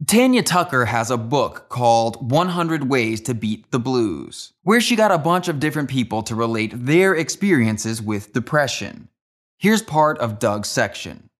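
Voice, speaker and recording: A man reads a scripted music history narration. His pitch sits in the middle range, and he drops in dry, wry asides at an even, steady delivery.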